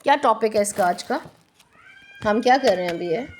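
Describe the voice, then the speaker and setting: A woman teacher giving a classroom lesson, drawing out words slowly and slipping into quick Hindi asides, prompting and repeating answers. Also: medium pitch, slight background noise. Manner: slow, drawn-out English and quick Hindi asides.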